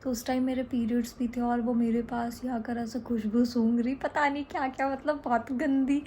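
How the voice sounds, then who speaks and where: A young woman from India recounting a dream in a chatty, halting way, with many fillers and restarts. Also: fairly high pitch, flat delivery, darkish tone, slight background noise. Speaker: storyteller. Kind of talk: casual storytelling.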